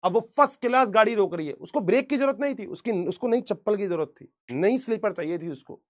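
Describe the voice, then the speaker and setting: A man's voice: sits high, lively intonation, fast. A man teaching an online biology class, chatty and teasing, laughing at his own jokes. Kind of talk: casual joking live class.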